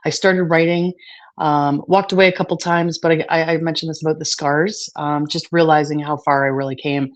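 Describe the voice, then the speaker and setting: A woman being interviewed, talking casually in a halting way with many fillers, at times choked up with emotion. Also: sits low, fairly even intonation. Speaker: guest.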